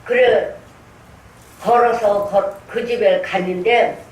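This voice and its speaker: A woman's voice: medium pitch, steady tone, takes it slowly, a little mellow. An older woman pastor preaching a sermon, earnestly telling her own story and acting out her prayers. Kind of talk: sermon with personal testimony. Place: church sanctuary. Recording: echoey room, distant mic, faint noise.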